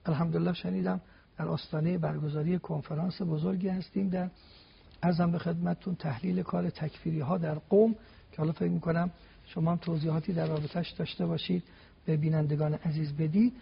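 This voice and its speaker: A man gives a religious talk as a TV guest, presenting each point in turn with emphatic rhetorical questions. His voice is a little high and slightly rough, with a flat delivery and vocal fry, and the broadcast audio is dull and lo-fi.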